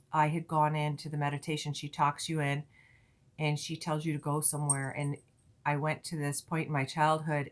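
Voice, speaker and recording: A woman tarot reader talking to her viewers in a chatty, earnest way, with many fillers and restarts. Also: low-pitched. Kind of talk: casual spiritual reading.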